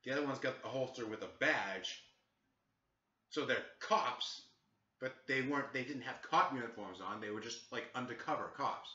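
A man's voice: mid-range voice, moderate pace, bright, forceful tone. Swearing, exasperated man ranting. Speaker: vlogger. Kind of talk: angry storytelling rant. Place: small apartment. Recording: echoey, distant, dull-sounding room mic.

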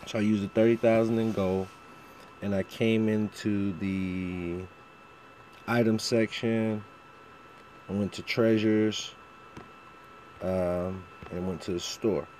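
A man's voice: on the low side, flat delivery, slow pace, long pauses, a little mellow, a little hiss or hum. A man giving a casual walkthrough of a mobile game, with a fan running in the background. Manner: frequent throat clearing. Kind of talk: casual video walkthrough commentary.

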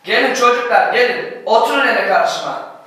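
A man playing a fatherly schoolteacher giving measured counsel in an amateur school play. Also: high-pitched, lively intonation, bright, forceful tone, slight background noise. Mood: fatherly, grave. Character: fatherly male schoolteacher counselling his teenage pupils. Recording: echoey hall, distant mic.

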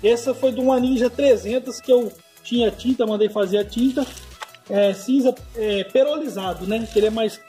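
A man's voice: very high-pitched, normal speed, mellow, roomy sound, soft background music. A man with a Brazilian Portuguese accent, a custom painter, patiently explaining a paint job step by step in a casual way.

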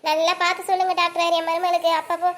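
A very high, bright, quick voice belongs to a fussy village mother-in-law, played by a woman. She nags and dotes in the same breath, in a homemade comedy skit. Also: level tone. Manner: scolding, then fussing over her daughter-in-law.

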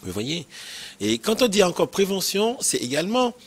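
A man's voice: high-pitched, very animated, normal speed, breathy edge. A man, a nephrologist explaining kidney stone prevention in a health interview, repeating key points and checking that he is understood.

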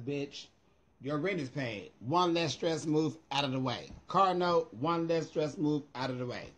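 Give this one to an American man in middle age with a fairly high, raspy-edged voice. He talks in a sassy, emphatic, sweary way, as if chatting casually to followers on a phone livestream from home. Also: a bit bright. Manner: sassy, emphatic, profanity-laced. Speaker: vlogger. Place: small room at home. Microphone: phone at arm's length.

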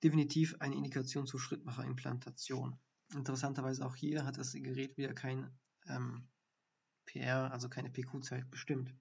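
Teaching ECG reading in a live-streamed session, a doctor explains the findings step by step while thinking aloud with fillers. His mid-range voice is monotone, husky, and darkish with vocal fry, at normal speed. The lo-fi stream audio sounds dull.

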